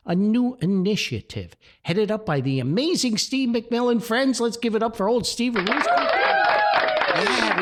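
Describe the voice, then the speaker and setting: Slight background noise sits under this man's high voice as he hosts a chatty solo podcast with sponsor reads. Jovial and folksy, he rambles along, exclaims often and chuckles a lot.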